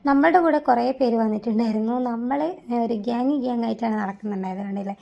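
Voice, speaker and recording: A woman's voice: on the high side, fast talker, creaky, warm tone, highs cut off. A woman with a Malayali accent narrating a casual vlog, mixing English words into her speech. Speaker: vlogger narrating a hill trek.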